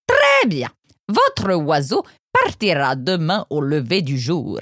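A woman voicing a smooth-talking male shopkeeper in a storybook, salesy and playful, sprinkling in foreign words. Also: low voice, very animated, slow, fairly bright tone, dry recording, studio quality, exaggerated voice. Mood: cheery salesman. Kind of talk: audiobook character voice.

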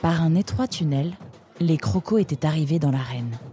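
Low-voiced woman reading a story. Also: moderate pace, soft background music. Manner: expressive reading. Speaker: narrator. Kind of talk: storybook narration.

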